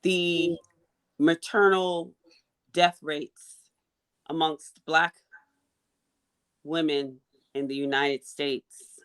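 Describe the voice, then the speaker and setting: A woman's voice: low-pitched, clear, resonant tone. A woman on a video call, a panelist who performs a spoken-word poem and speaks with a rhythmic, emphatic delivery. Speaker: panelist, menstrual health advocate.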